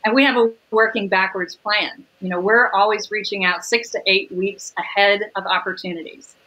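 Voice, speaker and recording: A middle-aged woman talking upbeat and fast on a video call, laughing easily as she explains her business. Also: mid-range voice, steady tone, bright, forceful tone, muffled recording. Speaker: catering sales executive, guest. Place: home room with windows.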